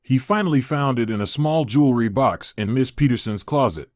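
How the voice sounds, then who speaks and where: A man reading a story aloud as scripted narration, in an even, measured way. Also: mid-range voice, dry recording, studio quality.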